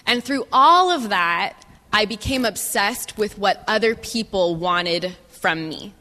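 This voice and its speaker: A woman giving a personal testimony as a guest speaker, speaking in measured phrases and pausing for an interpreter. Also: mid-range voice, animated, bright, forceful tone. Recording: reverberant hall.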